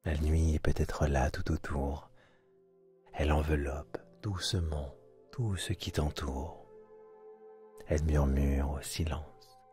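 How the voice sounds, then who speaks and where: A man hosting a hypnosis channel guides a sleep hypnosis in a soft, hushed, soothing voice with measured pauses, rumbling low and steady, intimate as if right in your ear. It's recorded binaurally on a close microphone over soft background music.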